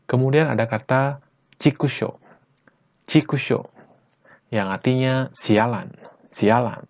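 A man from Bali teaching Japanese slang in a casual lesson, saying each phrase slowly and then at normal speed, and tagging lines with a chatty "guys, ya". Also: mid-range voice, a little mellow. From Bali, Indonesia. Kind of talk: casual vlog-style lesson.

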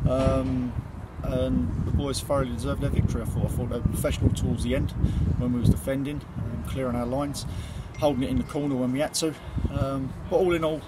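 A middle-aged man, a football manager giving a plain-spoken post-match interview outdoors at night, with many ums and repeated words. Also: medium pitch. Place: outdoors by a stadium building at night. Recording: loud outdoor background noise.

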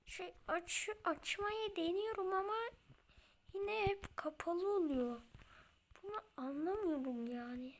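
A woman's voice: very high-pitched, takes it slowly. A woman giving casual let's-play commentary to her viewers, often exasperated and grumbling at the game. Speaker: gamer, channel host.

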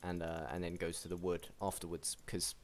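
A young man casually commentating a strategy game match, chatty and excitable, with frequent restarts. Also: deep voice, moderate pace. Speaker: game caster.

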